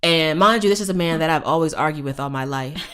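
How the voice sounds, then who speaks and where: Low-voiced woman telling a frank, emphatic story. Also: fast talker, fairly bright tone, smooth. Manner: emphatic, frank and profane, building to impassioned rhetorical questions. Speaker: professor guest. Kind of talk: candid personal storytelling in a podcast interview.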